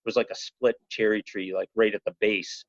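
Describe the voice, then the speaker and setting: A man's voice: lowish voice, normal speed, dry recording. Rambling man telling a story, dry muffled sound. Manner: rambling, animated, lots of "you know" and "he goes". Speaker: podcast guest. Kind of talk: casual storytelling. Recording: slightly muffled podcast audio.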